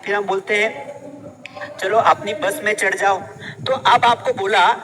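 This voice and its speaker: A man's voice: sits high, fairly even intonation, measured pace, sharp tone, poor audio. A man teaching English phrases in a casual classroom style, quizzing his listeners with repeated questions.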